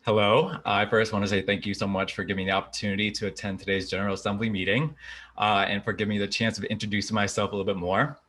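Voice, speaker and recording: A man's voice: on the low side, little pitch movement, quick pace, a bit bright. A man in his twenties from Latvia, a native Latvian speaker, giving a prepared self-introduction as a candidate over a video call, earnest with filler "uh"s. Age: 20s. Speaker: candidate for student government post.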